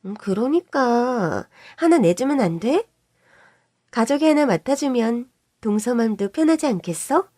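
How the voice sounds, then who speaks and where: A woman's voice: fairly high pitch, animated, dark tone, dry recording, clean studio sound. A woman voicing a pushy, scheming middle-aged sister-in-law who wheedles and snaps. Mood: wheedling. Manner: pushy, wheedling, quick to snap.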